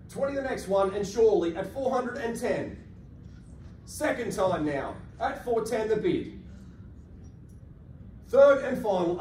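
An Australian auctioneer's high, slightly mellow voice carries polished, projected patter through a live property auction. The mic is a far camera across a large function room, giving an echoey, distant sound with faint noise.

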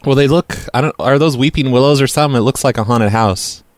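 In an improvised prank phone call, a man plays a blundering lawn care worker who is casually unapologetic, hesitant yet blunt, and nonchalant in mood. His mid-range voice moves at a quick pace, close to an everyday voice, in a dry recording.

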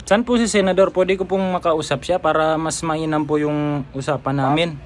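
High-pitched man, prankster feigning innocence on a call. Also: fairly even intonation, moderate pace, noisy background. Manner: polite, feigning innocence, pleading. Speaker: prankster baiting a scammer.

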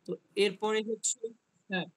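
A man's voice: high-pitched, flat delivery, fairly bright tone. Man teaching a linguistics class. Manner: explains slowly, answers students by name, reads English passages aloud. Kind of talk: online linguistics lecture.

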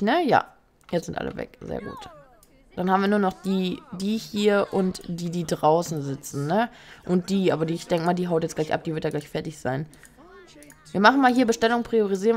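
A woman giving casual let's play commentary, chatty, reading menu options aloud and adding teasing asides. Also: mid-range voice.

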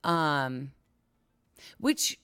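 A woman's voice: low voice, sing-song, drawn-out words, a bit bright, clear, resonant tone. A woman hosting a casual livestream, chatty and giggly, often breaking off mid-sentence. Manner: giggly, chatty, self-interrupting. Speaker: livestream host. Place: home streaming setup.

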